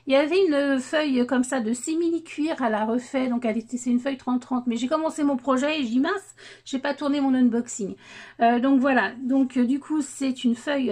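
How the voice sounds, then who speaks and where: A crafting vlogger with a high, warm voice shows off craft papers in a casual unboxing chat. She sounds hesitant and uses lots of fillers, but she gushes enthusiastically over the patterns.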